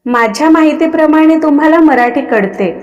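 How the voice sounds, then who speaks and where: A woman's voice: high voice, normal speed, darkish tone, dull audio, voice pushed up, natural voice. A woman voicing a frightened but defiant young bride who pleads and protests, recorded with long reverb.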